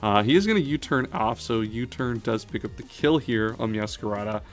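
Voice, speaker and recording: A man's voice: medium pitch, animated, moderate pace, faint music behind. A man giving thinking-aloud commentary on a competitive battle, analytical and often correcting himself mid-sentence. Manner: analytical, self-correcting, frequent "um" and "uh".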